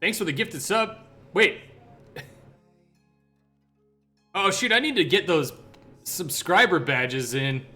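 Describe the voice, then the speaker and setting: A man's voice: sits high, lively intonation, slow, pauses often, pushed and bright, soft background music. A young man streaming live, chatting loosely with viewers and laughing easily, heard through a livestream headset microphone. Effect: livestream headset audio. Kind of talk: casual live-stream chat.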